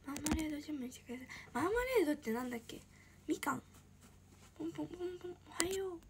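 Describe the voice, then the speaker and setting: An 18-year-old woman from Shizuoka, Japan, chatting casually on a livestream and answering viewer comments, often slipping into a soft breathy whisper. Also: high-pitched, animated, very fast, noisy background. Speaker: idol livestreamer.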